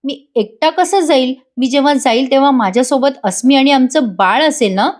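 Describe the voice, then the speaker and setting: A woman's voice: sits high, normal speed, a little mellow, pitched above the performer's own voice, natural voice. A woman voicing a shameless young son-in-law who whines and pleads to be allowed to stay. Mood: pleading. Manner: whiny, pleading.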